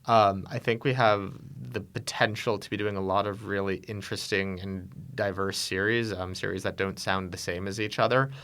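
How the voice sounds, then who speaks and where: A man on an audio production team talking in a thoughtful, halting way, with many ums. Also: lowish voice, fairly even intonation, fairly bright tone. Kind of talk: casual reflective talk.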